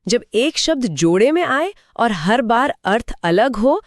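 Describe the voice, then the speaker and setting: Woman, exam lesson explainer; even, clear, patient; dry close mic. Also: on the high side, slow pace, no echo. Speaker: co-presenter explaining grammar. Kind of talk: scripted two-voice exam lesson.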